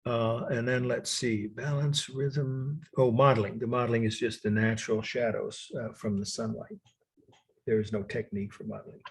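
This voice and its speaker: A man giving a college art history lecture, explaining patiently and slowly spelling out words for his students. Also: mid-range voice, fairly even intonation, vocal fry, husky.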